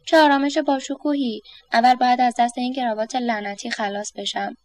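Storybook: fussy exasperated man, read by a woman, high-pitched, dry close read. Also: steady tone, no room sound, lightly acted. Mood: relieved. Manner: exasperated, sarcastic complaining. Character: flustered middle-aged man alone at home.

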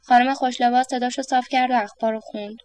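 Storybook narrator, woman, high-pitched, dry and close. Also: fairly even intonation, dry recording.

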